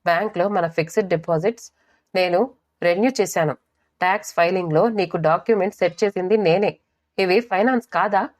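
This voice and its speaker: A resolute young wife who speaks calmly and firmly, voiced by a woman narrator. Her tone is low and steady, close to the reader's own voice. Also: fairly quick, lightly acted. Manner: calm, firm.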